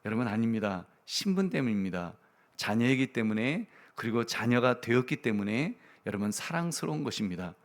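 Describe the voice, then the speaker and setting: A man delivers a Sunday sermon at a middling pitch. He talks to the congregation like a conversation partner, with soft asides and loud, emphatic moments. His delivery stays chatty rather than formal. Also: big pitch swings, brisk. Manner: conversational preaching, addresses the congregation often, chuckles. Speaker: pastor.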